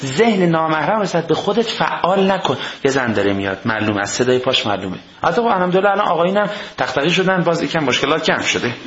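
A man with a high voice delivers a humorous religious lecture, joking and mimicking people as he goes. His pitch jumps up and down. The recording is echoey and a little muffled, with a dull lo-fi sound. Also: fairly bright tone. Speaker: cleric lecturer.

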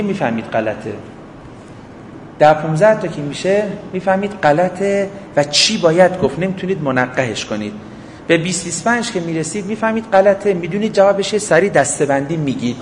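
High-pitched guy preaching, lots of "why?" questions, acts out little scenes, boomy hall with long echo. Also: a little hiss or hum. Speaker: religious lecturer. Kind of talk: religious lecture. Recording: echoey hall, faint ambience.

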